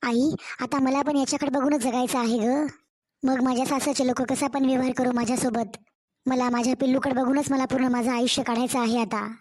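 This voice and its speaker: A woman's voice: sits high, level tone, a little fast, a little mellow. A woman voicing a weary young new mother, complaining and pleading to her own mother in a cartoon story.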